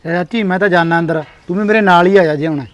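A man's voice: high-pitched, fast talker, lightly acted. A man acting an elder brother who insistently reasons with his family to settle a household quarrel. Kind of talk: family comedy skit acting. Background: music.

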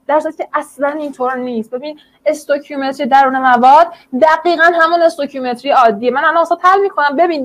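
A woman with a high voice teaches an online chemistry class. She talks students through each step in a relaxed, colloquial way and encourages them often.

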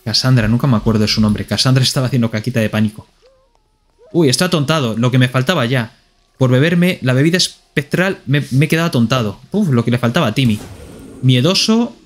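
A man's voice: medium pitch, fast talker. A man with a Spain Spanish accent streaming live gameplay commentary, playfully talking to himself and to the characters on screen.

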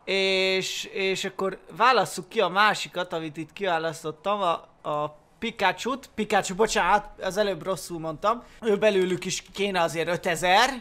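Young man, very high voice, bright tone, excitable gameplay commentary, laughing exclamations. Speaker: gaming YouTuber.

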